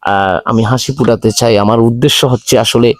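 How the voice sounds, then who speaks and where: A man with a Bangladeshi accent hosting a charity video, speaking in a halting, repetitive, pleading way to viewers. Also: medium pitch, fairly even intonation, dry recording, clean studio sound. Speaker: charity video host appealing for donations. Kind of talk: earnest spoken appeal to viewers, interviewing.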